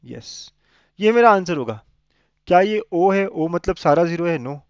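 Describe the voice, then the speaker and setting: A man's voice: high-pitched, lively intonation, unhurried, a little mellow, smooth, no echo, lo-fi sound. A man teaching an exam revision maths lesson, coaxing students with frequent checking questions. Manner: coaxing, asks many checking questions, mixes Hindi and English.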